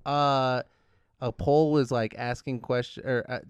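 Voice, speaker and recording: A man's voice: medium pitch, fairly even intonation, unhurried, clean tone, dry recording. A man hosting a casual, jokey group chat, often laughing as he talks. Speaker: podcast host. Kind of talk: casual comedic group banter.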